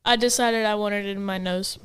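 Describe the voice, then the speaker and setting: A woman's voice: mid-range voice, fairly even intonation, fairly quick, a bit bright, smooth. A teenage girl, co-hosting a casual podcast chat, chatty and blunt with friendly teasing. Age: teens. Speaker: podcast co-host.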